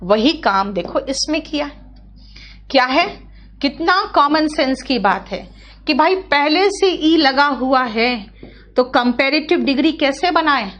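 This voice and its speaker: A woman teaching English grammar in a live online class, correcting students briskly and calling them by name. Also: high-pitched, lively intonation, a bit bright, muffled recording. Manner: brisk, scolding, addresses students as beta.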